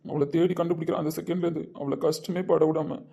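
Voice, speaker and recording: A man's voice: on the high side, steady tone, quick pace, vocal fry, mellow, breathy edge. A man playing a young husband who pleads earnestly with his mother. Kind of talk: web series drama acting.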